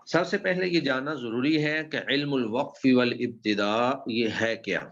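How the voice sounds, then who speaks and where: Male religious teacher, measured lecturing, muffled lo-fi sound. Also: medium pitch, a bit bright. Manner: slow explanatory, stresses example phrases. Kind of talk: classroom lecture on Quran recitation.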